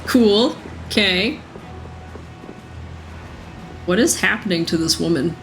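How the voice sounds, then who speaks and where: A woman's voice: medium pitch, animated, takes it slowly, a bit bright. Chatty woman streamer over game music. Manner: chatty, self-mocking, laughs often. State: sick, rough voice. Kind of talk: casual let's-play commentary.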